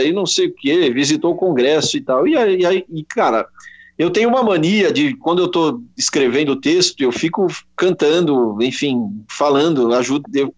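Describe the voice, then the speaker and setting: A Brazilian sports journalist, a man, telling an animated anecdote in a casual interview, quoting voices along the way. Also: on the high side. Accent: Brazilian Portuguese. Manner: animated anecdote with quoted voices, many restarts. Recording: slightly dull lo-fi audio.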